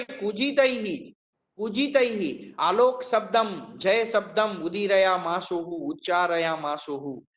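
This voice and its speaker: A man leads a Sanskrit class. His voice is high and bright, and he keeps quizzing the students and repeating the verse word by word at a slow, careful pace. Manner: questions students, repeats verse words slowly. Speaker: Sanskrit professor.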